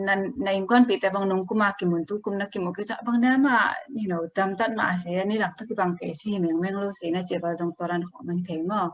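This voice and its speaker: A woman giving an informal health talk, explaining slowly and hesitantly, dropping in English medical terms. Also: lowish voice.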